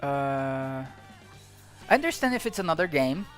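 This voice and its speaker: This is casual gameplay commentary from a young Brazilian man streaming a game, a native Portuguese speaker with a Brazilian Portuguese accent. He talks at a measured pace in a fairly high, sing-song voice, rambling and restarting often as he thinks aloud, with soft music in the background.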